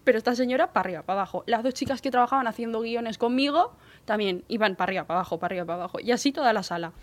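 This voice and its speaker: A young woman from Spain, speaking with a Spanish accent, telling a lively anecdote as an interview guest and acting out the voices of the people in it. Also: fairly high pitch, very fast. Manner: lively, acts out the voices of others while telling a story.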